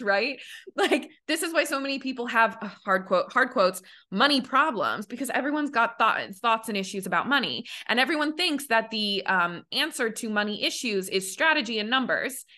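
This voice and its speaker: Her voice is fairly high, bright and forceful as she hosts her money coaching podcast. The young woman keeps it chatty with many "like" fillers and gives voices to the people she quotes.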